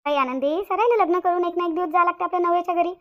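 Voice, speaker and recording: In this cartoon voice acting, a woman plays a chatty middle-aged village busybody who is bossy yet consoling, with a consoling mood. Her shrill chatter comes very fast, repetitive and swinging between scolding and comfort, over lo-fi, muffled sound.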